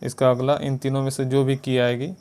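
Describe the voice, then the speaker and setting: A man's voice: medium pitch, monotone, brisk, smooth. A man teaching piano step by step, patiently repeating finger counts and note names. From India. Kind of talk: step-by-step music lesson. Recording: loud piano behind voice. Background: loud piano playing.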